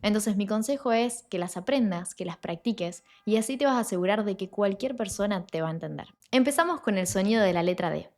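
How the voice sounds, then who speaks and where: In an online pronunciation lesson, a female Italian teacher speaks at a normal middle pitch, animated yet slightly mellow. She explains clearly and patiently, deliberately slowing whenever she demonstrates a sound.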